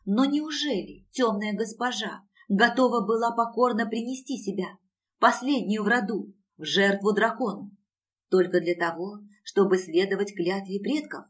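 A woman narrating an audiobook in a steady storytelling manner. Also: mid-range voice, normal speed. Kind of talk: scripted narration.

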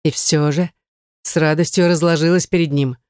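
A woman's voice: sits low, steady tone, moderate pace, darkish tone, no room sound, clean studio sound, lightly acted. A woman voicing a cold, menacing young man, an ex-boyfriend who speaks with icy contempt. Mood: taunting.

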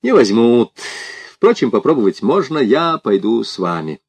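A man reading an audiobook, voicing a composed, worldly man who speaks in measured, admonishing tones. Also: mid-range voice, big pitch swings, breathy edge, dry recording.

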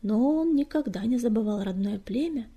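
A woman narrating an audiobook, reading softly and breathily and often sinking to a whisper. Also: a little high, animated, moderate pace, breathy edge.

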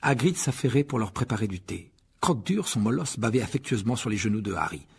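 A man's voice: fairly low pitch, lively intonation, fast, gravelly, slightly rough. A man narrating a storybook expressively as an audiobook reader. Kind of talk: scripted narration.

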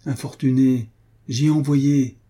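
A man's voice: medium pitch, fairly even intonation, unhurried, mellow, voice pushed up, close to an everyday voice. A man reading aloud, voicing a kindly older doctor who speaks in a soothing, cautious way. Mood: gentle.

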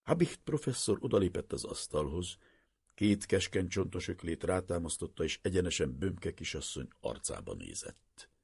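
A man reads a story aloud, measured and expressive. His voice is extremely deep and husky, his pitch moves a lot, and the recording is dry and close. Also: no echo. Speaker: narrator. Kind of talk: storybook reading.

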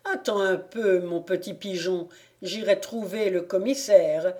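A woman reading the part of a sly, stubborn old peasant man who mutters to himself, in a slow storybook reading. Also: sits high, mellow. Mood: grumbling.

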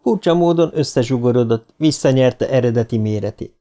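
A man narrating a horror novel as a dramatic audiobook reading. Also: medium pitch. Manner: vivid, rising for shouted lines.

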